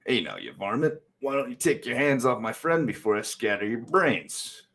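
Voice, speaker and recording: A man voicing a rough-talking frontier gunslinger, folksy and swaggering, while reading a comic aloud. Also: medium pitch, sing-song, moderate pace, fairly bright tone. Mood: threatening.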